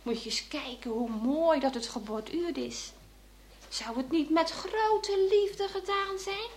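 A woman reading aloud voices a loving, comforting mother in a children's story, in a soft, reassuring tone. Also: high voice, takes it slowly, slight background noise, voice pushed up.

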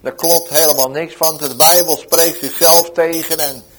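A man's voice: medium pitch, unhurried, close to an everyday voice, low-quality recording. A man voicing a bitter, terminally ill man in his fifties who first scoffs and then pleads in anguish. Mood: scornful.

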